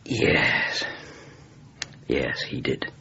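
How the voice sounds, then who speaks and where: A man playing a warm, thoughtful married doctor and storyteller with a husky voice and an English accent in a radio drama. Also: extremely slow, in a whisper, full character voice. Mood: weary, reflective. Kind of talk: radio drama acting and narration. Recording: dull, muffled radio recording.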